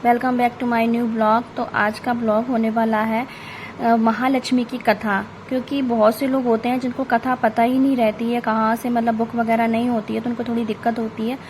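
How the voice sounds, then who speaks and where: A woman's voice: fairly high pitch, flat delivery, moderate pace, darkish tone, a little hiss or hum, low-quality recording. A woman vlogger giving a casual, chatty intro to her video while she does a puja at home. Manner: chatty, speaks in loose explanatory runs.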